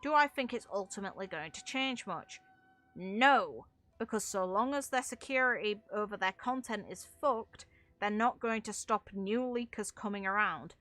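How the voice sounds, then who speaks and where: Faint music plays behind a woman whose medium-pitched voice sounds a bit bright at a normal speed. She's a gaming streamer and video creator sharing opinionated, casual game commentary in a blunt, informal way, with a little mild swearing.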